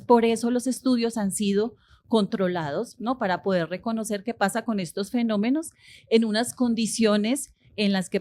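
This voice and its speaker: A woman's voice: mid-range voice, darkish tone. A woman giving an academic linguistics lecture, explaining step by step with rhetorical questions and frequent hesitations.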